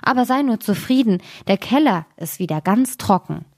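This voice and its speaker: A woman voicing a silly, cheerful young wife in a fairy tale, in a bright, naive, singsong way. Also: medium pitch, expressive, moderate pace.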